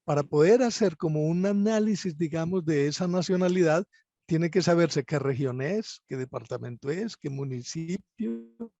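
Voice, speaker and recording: A man from Colombia with a Colombian accent, a guest astrologer explaining at length in an interview, measured and lecturing with halting restarts. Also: on the high side, creaky, warm tone, no echo, dull audio. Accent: Colombian Spanish.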